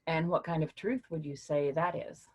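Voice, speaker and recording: Here a low-pitched woman's voice at a moderate pace belongs to an actress portraying a patient philosophy professor guiding her class through discussion during a staged play reading. Her manner is teacherly, lively and full of questions.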